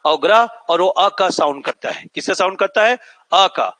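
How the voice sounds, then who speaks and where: A male teacher lectures with a high, bright voice. He poses questions and repeats the answers so the class can echo them, and sometimes draws vowels out long. The sound is close and dry. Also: animated, moderate pace. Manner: repeats each point and asks the class to echo it back; stretches out vowels to show their length.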